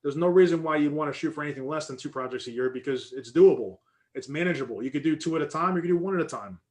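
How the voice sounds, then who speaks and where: A man talks through worked numbers at a rapid clip. His voice sits a little high and he thinks aloud, restarting sentences as he goes. It is an informal teaching talk to a group. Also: darkish tone. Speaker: real estate investor presenting to a group.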